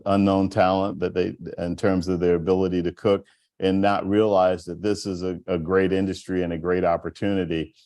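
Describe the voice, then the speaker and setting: A man's voice: sits low, a little mellow. A man moderating a panel discussion, encouraging his guests and stumbling over repeated words as he frames questions. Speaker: host, moderator.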